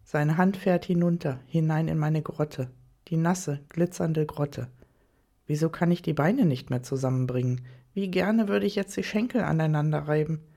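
A woman narrating an erotic audio story in the first person, reading slowly and softly. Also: low voice.

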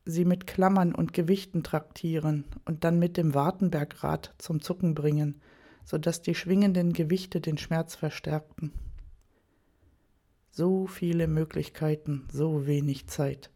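Calm, mellow storybook reader. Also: medium pitch, unhurried. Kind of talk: scripted narration.

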